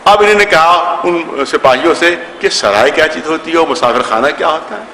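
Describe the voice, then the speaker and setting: Forceful bright-voiced cleric in echoey hall. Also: male voice, on the high side, a little hiss or hum. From India, Lucknow. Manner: repeats phrases for emphasis, acts out quoted voices. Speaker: Shia cleric reciting a majlis. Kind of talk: storytelling sermon. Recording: echoey hall with long reverb.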